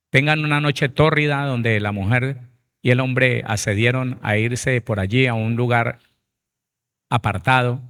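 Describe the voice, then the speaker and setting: A man's voice: mid-range voice, fairly bright tone. Emphatic preacher man. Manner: emphatic, addresses listeners directly. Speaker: pastor. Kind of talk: sermon, Bible seminar.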